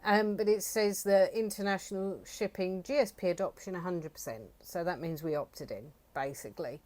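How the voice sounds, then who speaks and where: A woman's voice: fairly low pitch, moderate pace, a little mellow. A woman from the UK co-hosting a reselling channel, chatting casually with many fillers and reading bits from a report. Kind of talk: casual chat.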